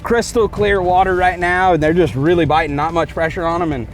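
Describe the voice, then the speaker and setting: A man hosting a fishing show, talking enthusiastically and excitedly while fishing from a boat outdoors. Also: high-pitched, brisk. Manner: enthusiastic, exclamatory. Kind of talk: casual on-camera chat while fishing.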